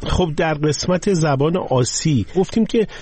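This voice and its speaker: A man's voice: on the high side, expressive, a little mellow, breathy edge. A man hosting a talk program, mostly giving short agreements and asking brief questions. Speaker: radio host.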